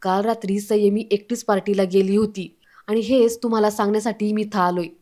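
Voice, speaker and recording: A woman's voice: mid-range voice, steady tone, fairly quick, dark tone, natural voice. A woman voicing a stern elderly man who speaks reproachfully. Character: stern elderly grandfather friend.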